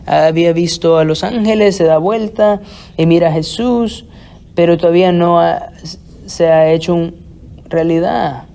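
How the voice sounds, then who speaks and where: A man preaches an expository sermon, working through the passage in a deliberate, halting way and often restarting his phrases. His voice sits fairly high for a man, with a gravelly edge and a dark, mellow tone. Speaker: pastor.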